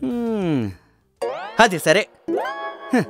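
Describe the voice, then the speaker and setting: A man's voice: high voice, expressive, very slow, heavily acted. A man playing a pompous, bossy film director who mocks and scolds his writer. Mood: scolding. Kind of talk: comedy short film acting. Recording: music playing behind.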